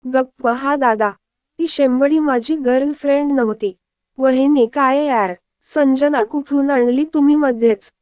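A woman's voice: high voice, a little mellow, no room sound, clean studio sound. Woman voicing cheeky young man Ranjan. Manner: teasing, quick to flare up.

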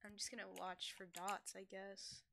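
A woman's voice: medium pitch, level tone, moderate pace, creaky, sharp tone. A woman streaming a ghost-hunting game with a friend, chatting casually, jumpy and swearing as she plays. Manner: jumpy, swears, mumbles while playing. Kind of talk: casual gameplay chat.

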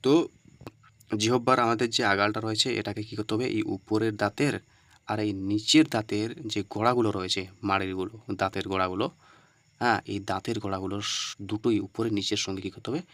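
A man teaching Arabic letter pronunciation step by step. He often asks and answers his own questions and repeats the letter sounds loudly. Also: on the low side, fairly even intonation, brisk.

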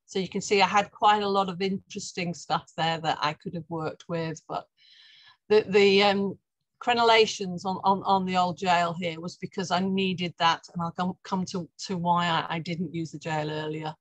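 A woman's voice: fairly low pitch, steady tone, moderate pace, dry recording, poor audio. A middle-aged woman, a guest artist talking through her slides on a video call, chatty and often restarting her sentences. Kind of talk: presenting slides in an online talk.

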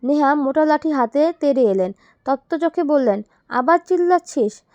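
A woman storyteller giving expressive scripted narration of an audio story. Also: high-pitched, normal speed, dry recording. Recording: dull lo-fi, dry.

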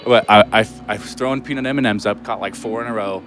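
A young man rambling cheerfully through interview questions, laughing often and filling pauses with "like.". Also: on the low side, fairly even intonation, over music. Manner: rambling, giggly, lots of fillers. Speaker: guest performer. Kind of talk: casual interview chat. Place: outdoor festival.

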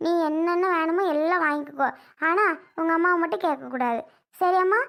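A woman's voice: high voice, fairly bright tone. A woman playing an older grandmother who scolds her son and sweetly coaxes her granddaughter.

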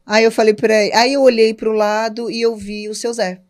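A woman's voice: on the high side, brisk. A woman with a Brazilian Portuguese accent tells a personal story on a podcast. She talks casually and acts out each speaker in the dialogue she recalls. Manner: lively storyteller, acts out both sides of remembered dialogue. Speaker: podcast guest.

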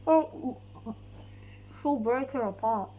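A young woman from Poland reviewing snacks in a casual vlog, gushing excitedly while chewing and talking. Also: fairly high pitch, takes it slowly, husky, highs cut off.

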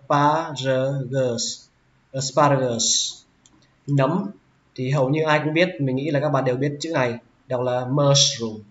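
A man teaching English vocabulary, who says each word slowly and repeats it several times. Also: mid-range voice, steady tone. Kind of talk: vocabulary lesson. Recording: roomy, dull lo-fi sound.

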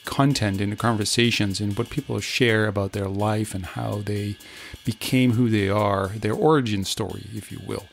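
A man's voice: fairly low pitch, steady tone, normal speed, vocal fry, hardly any pauses, faint music behind. A man hosting a podcast, musing reflectively with fillers as he introduces an interview. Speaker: podcast host.

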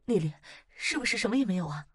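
A woman's voice: medium pitch, lively intonation, fast talker, a bit bright, slightly rough, no echo. A woman voicing a worried mother who soothes and pleads with her frightened daughter. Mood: anxious soothing. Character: anxious, tender mother comforting her daughter.

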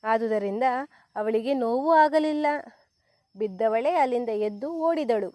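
A woman reading a children's story aloud in a slow, clear, expressive storytelling manner. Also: fairly high pitch, no room sound.

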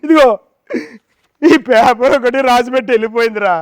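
A man's voice: very high-pitched, a little fast, clean tone. A man playing a worried old village father. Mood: alarmed.

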